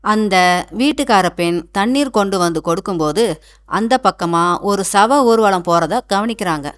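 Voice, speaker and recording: A woman's voice: medium pitch, expressive, moderate pace. A woman narrating a cartoon folk tale in a storyteller's manner, with a Tamil accent.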